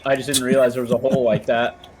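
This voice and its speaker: A man's voice: mid-range voice, flat delivery, fast, music in the background. Man, game streamer, playful casual chat, laughs a lot, mid-range voice.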